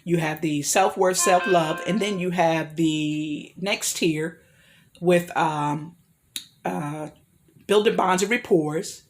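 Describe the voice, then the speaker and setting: A woman's voice: lowish voice, slow, faint music behind. A woman vlogger giving an earnest motivational talk, rambling with frequent restarts and apologies. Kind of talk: motivational personal talk to camera.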